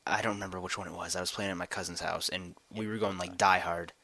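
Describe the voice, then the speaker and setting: Bright-voiced young man, joking gamer. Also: sits low, little pitch movement, fast talker, dry recording. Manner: joking, laughs often, trails off. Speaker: podcast co-host. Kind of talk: casual gaming chat.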